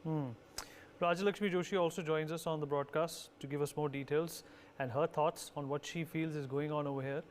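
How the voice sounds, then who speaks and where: A man anchoring a live news debate, firm and brisk with his guests. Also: on the high side, fairly even intonation, slight background noise.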